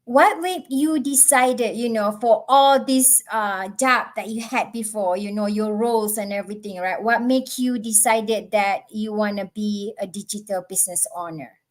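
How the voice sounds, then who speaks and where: A woman's voice: mid-range voice, normal speed, hardly any pauses. A woman hosting a live online interview, speaking hesitantly with many fillers over a video call. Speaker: host.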